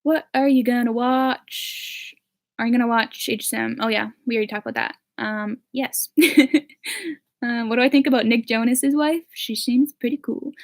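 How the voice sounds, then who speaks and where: A young woman in her late teens answering viewer questions in a casual chat, with lots of "like" and "um" fillers. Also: a little high. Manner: chatty, full of "like" and "um" fillers.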